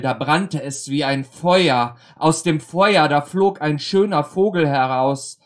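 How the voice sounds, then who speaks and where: Slow, deliberate male storyteller. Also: mid-range voice. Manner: slow, deliberate, dramatic pauses. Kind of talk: dramatic fairy-tale reading.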